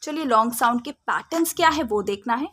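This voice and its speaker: A woman giving a phonics lesson to parents, drawing out and sounding out letters slowly. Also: a little high, animated, fairly bright tone, husky. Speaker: phonics teacher.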